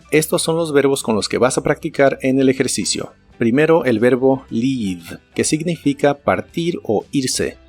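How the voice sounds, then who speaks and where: A man narrating a scripted English lesson in Spanish, slowly modeling each English word's pronunciation. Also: mid-range voice, slightly rough. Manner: slow, careful model pronunciation of English words. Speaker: English teacher.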